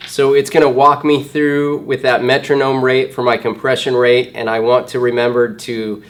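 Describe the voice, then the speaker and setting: A man's voice: medium pitch, little pitch movement, normal speed. A man instructing in first aid, explaining each step plainly during a hands-on demonstration.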